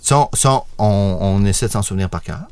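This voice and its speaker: A man with a Québécois French accent co-hosting a podcast, bantering and joking, sometimes putting on high silly voices for gags. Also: brisk, a little mellow, clean tone, dry recording. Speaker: podcast co-host. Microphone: studio microphone.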